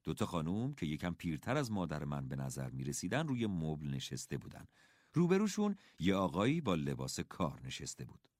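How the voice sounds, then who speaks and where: A man narrating a first-person story as an audiobook, with expressive storytelling. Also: a bass voice, no echo, studio quality.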